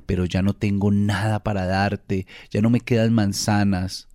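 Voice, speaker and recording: A man reading as a gentle giving tree. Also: on the low side, flat delivery, unhurried, no echo, studio quality, natural voice. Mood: tender. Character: gentle generous male tree, ageing.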